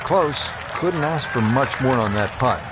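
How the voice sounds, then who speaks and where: A man doing golf commentary as lead announcer, with a measured sportscaster delivery. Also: mid-range voice, animated, a loud crowd, very noisy, close to an everyday voice.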